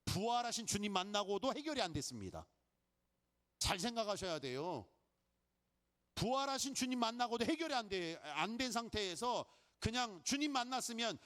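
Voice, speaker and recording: A middle-aged pastor with a high-pitched voice delivers a lively sermon. He acts out inner voices and Bible characters and leads the congregation in call-and-response.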